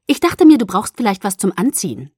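A woman voicing a cheerful, teasing young female vampire in an audiobook, with a raised, bubbly voice and a breathy tone. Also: mid-range voice, very animated, fairly quick, a little mellow, no room sound, studio quality. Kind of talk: audiobook character voice.

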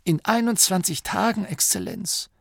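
A man's voice: high voice, moderate pace, creaky, fairly bright tone, breathy edge, no room sound, clean studio sound, voice pushed up, exaggerated voice. A man voicing an earnest male gnome inventor who speaks in a raised, formal and insistent way in a storybook reading. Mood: stiffly insistent.

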